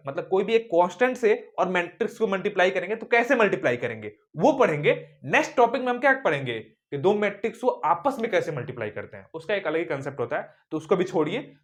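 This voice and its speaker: This is a young man teaching maths on video. His pitch moves a lot as he asks and answers his own questions, and he talks straight to the students watching. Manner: repetitive rhetorical questions, addresses students directly. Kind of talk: video lesson.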